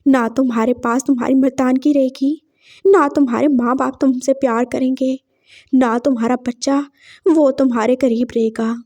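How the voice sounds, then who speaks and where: A bitter young man vowing revenge in a read-aloud fan fiction story, put on by a woman narrator. The voice stays high. It is threatening in private and sugary to others. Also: fairly even intonation, moderate pace, a little mellow. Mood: bitter vengeful. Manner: bitter, threatening inner monologue. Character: young man, vengeful, sweet to his face.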